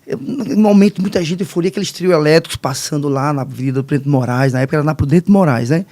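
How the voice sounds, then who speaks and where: A man, telling his personal testimony as a podcast guest in halting, emotional speech with many restarts. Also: a little high, a little mellow. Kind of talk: personal testimony in casual conversation.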